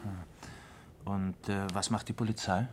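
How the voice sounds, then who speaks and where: A man's voice: lowish voice, steady tone, slow pace, darkish tone, slight background noise. An actor playing an attentive, inquisitive male doctor, a detective's companion, in a radio play. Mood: curious. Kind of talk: German radio play dialogue.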